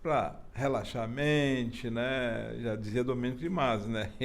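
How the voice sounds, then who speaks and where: A Brazilian man, a journalist hosting an interview, affirming his guest and asking friendly, relaxed questions. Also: mid-range voice, takes it slowly, gravelly. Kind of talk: casual conversational interview.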